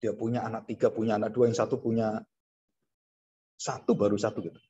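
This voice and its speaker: A man preaching a sermon as a pastor, animated, his voice rising high when he acts out frightened people and dropping low for solemn points. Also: fairly quick. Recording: dull lo-fi sound.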